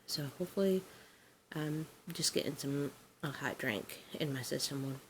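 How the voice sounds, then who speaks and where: A woman's voice: sits low, normal speed, slight background noise, poor audio. A woman vlogging casually at home, rambling and easygoing with lots of fillers. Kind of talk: casual diary-style chat.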